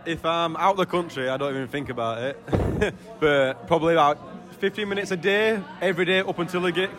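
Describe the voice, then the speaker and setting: Quick-talking cheeky man. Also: a little high, over music. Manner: cheeky, quick joking answers. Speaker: league player. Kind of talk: casual group banter.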